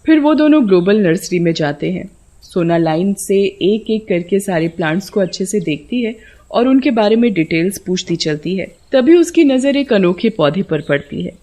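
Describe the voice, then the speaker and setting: A woman narrating an animated horror story in a steady storytelling voice. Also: mid-range voice, normal speed.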